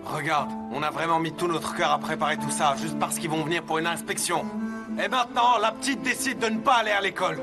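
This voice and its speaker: A man dubbing an overwhelmed, hot-tempered young father who talks in an agitated way and shouts at times in a dubbed television drama. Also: fairly high pitch, a little fast, loud music behind the voice, natural voice. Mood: frantic.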